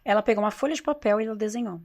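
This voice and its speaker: A Brazilian woman speaks as a podcast guest, a doctor from a nutrition clinic telling her own story. Her voice sits at an ordinary middle pitch. She talks in an earnest, confiding way, leaning on little tag questions and repeating phrases. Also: rapid-fire, a little mellow. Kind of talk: podcast interview, personal story.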